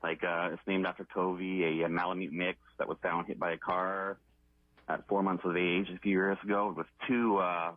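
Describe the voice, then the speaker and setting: A man working as an animal control officer, calling in to a radio show and talking casually with halting fillers. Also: low voice, flat delivery, no room sound. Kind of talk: phone-in radio interview. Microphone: phone line. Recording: tinny phone line.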